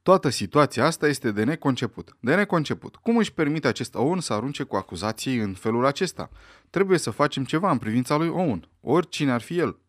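A man's voice: medium pitch, lively intonation, no room sound, clean studio sound, natural voice. A man reading aloud, voicing an indignant, blustering elderly general with an emphatic way of speaking.

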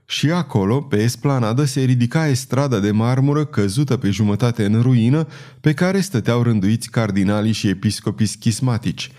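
A man reads a historical novel aloud as an audiobook narrator. His delivery is steady and solemn. His voice sits at a middle pitch and has a dark, mellow tone. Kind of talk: dramatic novel reading.

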